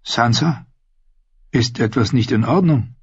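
A man's voice: medium pitch, slow, breathy edge, no echo, muffled recording, heavily acted. A man voicing a sardonic dwarf lord with dry wit. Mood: bitter. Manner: dry, sarcastic quips. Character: sardonic, witty dwarf nobleman.

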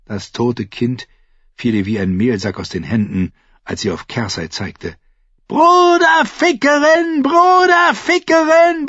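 A man reading a fantasy novel aloud with dramatic, expressive narration. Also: medium pitch, breathy edge, no room sound. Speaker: audiobook narrator. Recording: dry, slightly dull audiobook recording.

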